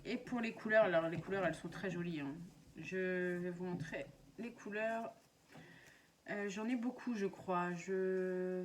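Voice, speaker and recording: A woman's voice: medium pitch, noisy background. A woman casually showing her craft purchases to viewers, chatting with many hesitations. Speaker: craft vlogger. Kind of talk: casual unboxing chat. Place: at home.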